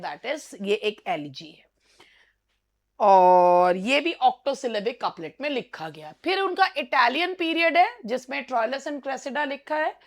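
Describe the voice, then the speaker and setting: Lady teacher, pretty high voice, exam prep lecture, says the key terms slow and over again. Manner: mixes Hindi and English, repeats key terms slowly. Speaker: English literature teacher.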